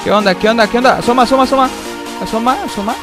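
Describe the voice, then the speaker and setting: Rapid-fire and high-voiced, a young Mexican gaming streamer chatters through live commentary at a desk indoors, facecam on and game music playing under him. Slangy and excitable, he keeps erupting in high-pitched bursts.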